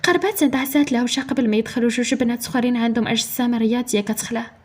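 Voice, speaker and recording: A woman with a Moroccan accent narrating a dramatic story in rapid storytelling style. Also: on the high side, fairly even intonation, breathy edge.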